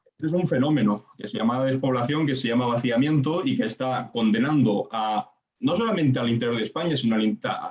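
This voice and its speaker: A man's voice: medium pitch, darkish tone, dull audio. A young man in his twenties from Spain, a political scientist answering interview questions in structured points with rhetorical questions. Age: 20s.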